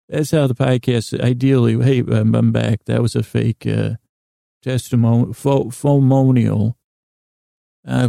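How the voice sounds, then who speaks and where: A middle-aged podcast host with a gravelly, creaky, dark-toned mid-range voice delivers a bedtime sleep monologue that meanders, halts, and drifts off into tangents. The recording is dry, with clean studio sound.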